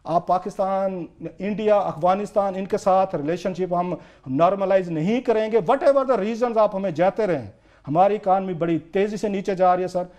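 A man's voice: high voice, moderate pace, a little mellow. A man with a Pakistani accent, a political commentator arguing his point on a TV talk show with urgent, repetitive emphasis.

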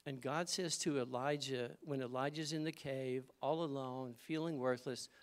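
A man's voice: medium pitch, steady tone, moderate pace. A middle-aged man giving a church sermon to a congregation in a conversational, storytelling way. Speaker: guest speaker. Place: church service.

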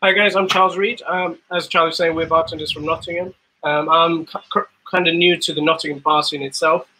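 A man from Zimbabwe, a bartender guest, telling his story in relaxed, rambling chat over a video call. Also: fairly high pitch, a little fast, slight background noise, poor audio. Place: dim room at home. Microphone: video call webcam.

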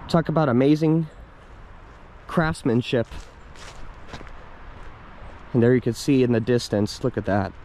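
Pausing often at a measured pace, a young man with a dark, medium-pitched voice casually narrates his hike through wooded parkland for a vlog. He takes in the views and reads a plaque aloud, recorded outdoors on a handheld camera with slight background noise.

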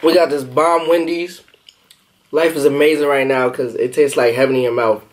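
Hoarse man chatting on an eating show. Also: mid-range voice, steady tone, moderate pace. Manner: slangy, chatty while eating. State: hoarse, lost voice. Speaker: mukbang host. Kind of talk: casual eating-show chat.

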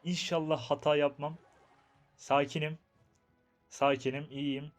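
A young man giving chatty, excitable commentary on his own mobile game match, talking to his viewers and to himself. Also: on the high side, measured pace, soft background music. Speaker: gaming YouTuber. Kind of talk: live gameplay commentary.

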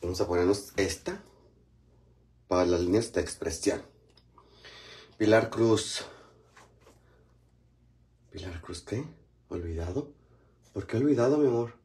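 A chatty Mexican man hosting a casual livestream. His voice sits a little low, and his talk is loose and slangy as he greets viewers by name while doing his skincare. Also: a little slow, long pauses, a little mellow. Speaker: livestream host.

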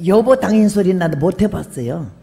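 Gravelly older woman preaching in a hall. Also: lowish voice, animated, a little fast. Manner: folksy storytelling with humor; bursts into loud emphatic calls. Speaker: missionary preacher. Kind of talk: sermon. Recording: long hall reverb.

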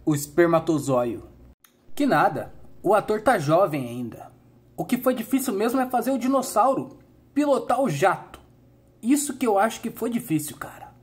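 A young man with a Brazilian accent tells dad jokes, setting up silly riddles and dropping deadpan punchlines. His voice is husky and swings widely in pitch. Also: moderate pace. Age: young adult. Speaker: comedy channel host.

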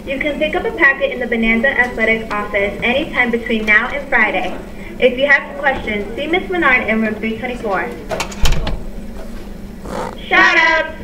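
High woman's voice over a school intercom. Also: expressive, moderate pace. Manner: upbeat, sing-song sign-offs. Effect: over a school intercom speaker. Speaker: school announcer. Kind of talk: reading school announcements. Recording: echoey, distant, noisy intercom.

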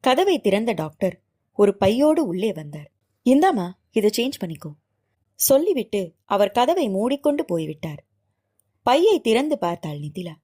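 A woman narrator reading a romance novel aloud with drama and feeling. Her mid-pitched voice rises and falls a great deal. Expressive audiobook storytelling. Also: normal speed, breathy edge.

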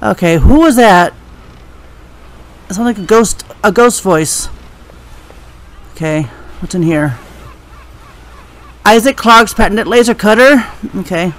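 A man with a notably high voice plays through a game and comments casually. He thinks aloud in a hesitant way and reads out the notes he finds. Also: lively intonation, takes it slowly, long pauses, a bit bright. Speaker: video game player.

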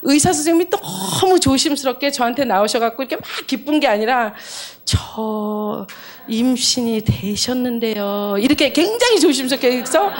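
A middle-aged woman shares a testimony from the pulpit, her voice sitting a touch high and swinging widely as she tells the story. She slips into the voices of the people in it and talks with an easy, animated warmth. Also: quick pace, few pauses. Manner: animated storyteller, acts out dialogue with big pitch jumps and laughter. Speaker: missionary giving a testimony.

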